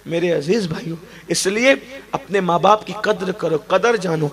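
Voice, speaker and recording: A male preacher delivers an emotional sermon in a notably high voice. He tells a story, building emphasis and urging the listeners on. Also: a bit bright.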